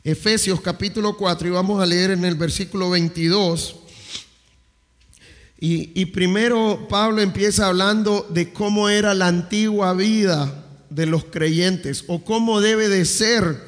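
A man's voice: sits high, steady tone, unhurried. A man preaches a sermon, putting question after question to his listeners. His voice rings with a long reverb in a church hall. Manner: asks the congregation questions.

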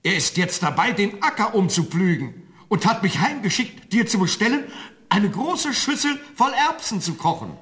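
A man's voice: high-pitched, sing-song, moderate pace, fairly bright tone. An actor playing a farmer who is the father of a giant son, in a radio play. He talks in an insistent, matter-of-fact way.

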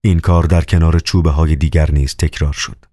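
A man narrating a novel as an audiobook, with a measured, solemn reading. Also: very deep voice, fairly even intonation, warm tone, no room sound, clean studio sound.

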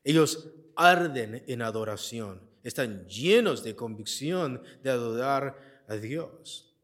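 A male pastor delivers a slow, deliberate sermon in a church, taking his time over each phrase. He reads the scripture aloud and explains it verse by verse. He keeps asking the congregation questions and leaving the answer word for them to fill in. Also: medium pitch, lively intonation. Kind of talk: Bible exposition sermon.

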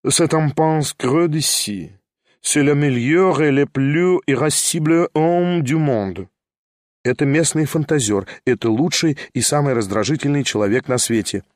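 A man doing a flustered, stammering older gentleman. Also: a little high, no room sound, studio quality, pitched above the performer's own voice, close to an everyday voice. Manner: hesitant, stammering, slow. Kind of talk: audiobook character voice.

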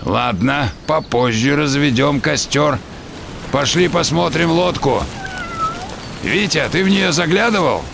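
A man's voice: on the high side, unhurried, creaky, background noise. A man playing a hearty seafaring uncle who commands and explains things to children in a radio adventure drama. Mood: commanding, knowing. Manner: commanding, explanatory, salty sailor talk.

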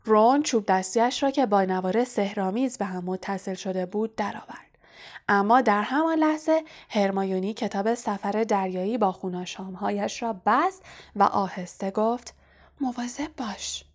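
A woman narrating a children's fantasy novel aloud in a steady, expressive reading. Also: mid-range voice. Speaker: audiobook narrator. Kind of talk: storybook narration.

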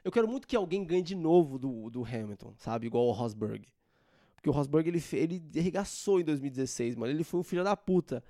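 A man's voice: mid-range voice, expressive, fast, warm tone, no room sound. A young man hosting a solo podcast, ranting in an informal, slangy and sarcastic way into a close mic. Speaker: podcast host. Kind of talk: casual solo podcast rant.

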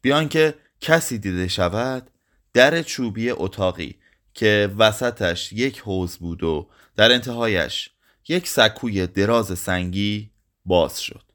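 A man reading a literary short story aloud in a slow, somber way. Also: lowish voice, a bit bright. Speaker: narrator.

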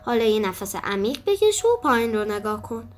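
A woman voicing a kind, patient father rabbit who talks in a gentle, reassuring way. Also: a little high, big pitch swings.

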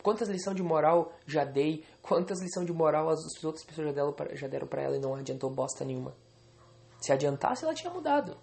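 A man's voice: a little high, lively intonation, quick pace, creaky, a little mellow. A young man venting angrily and swearing on a solo podcast recorded alone at home.

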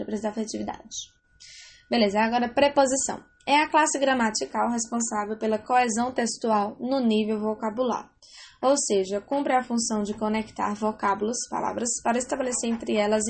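A woman teaching a Portuguese grammar lesson, explaining step by step and checking in with her students. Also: fairly high pitch.

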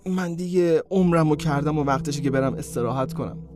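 Brief: man playing an old wise centaur teacher, low, soft-spoken and resigned, in a comic storytelling podcast. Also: over music, close to an everyday voice. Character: older wise male centaur mentor, gently resigned.

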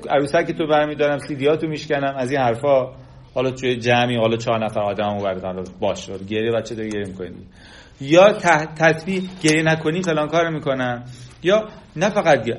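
A man giving a lecture, talking directly to the audience and acting out the things people say. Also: medium pitch. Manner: animated, acts out quoted speech.

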